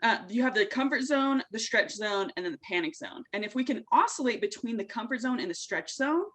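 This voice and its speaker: An exuberant woman talks as a podcast guest, full of slang and fired-up energy. Her voice sits a little above the usual pitch for a woman, and she coaches people on communication. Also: lively intonation, a little fast, fairly bright tone. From United States. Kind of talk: casual interview chat.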